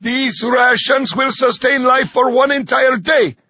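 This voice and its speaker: A man voicing a fat, gleefully cruel male drill sergeant with a rasping voice who barks and growls orders in a dull lo-fi recording. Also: very high voice, a little slow, pushed and bright, no echo, pitched above the performer's own voice, exaggerated voice.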